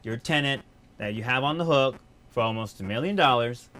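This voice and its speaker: A man hosting a casual podcast, talking in a loose, rambling way full of restarts and asides. His pitch sits in an ordinary middle range. A faint hiss of noise runs under the voice. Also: a little fast, bright, forceful tone. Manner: rambling, conversational, with fillers and restarts. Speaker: podcast host and business owner.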